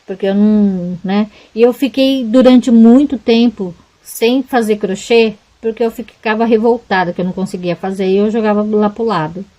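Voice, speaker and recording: A chatty woman talking straight to her viewers about crochet, her voice mellow and rounded rather than bright. She rambles along, checking in with little tag questions at the end of her sentences. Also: medium pitch, fairly even intonation, moderate pace, few pauses, low-quality recording. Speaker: crochet vlogger. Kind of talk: casual chat to viewers.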